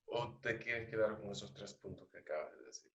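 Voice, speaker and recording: A man leading an agile training session, coaching a participant with slow, questioning explanations. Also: lowish voice, pushed and bright, reverberant, lo-fi sound.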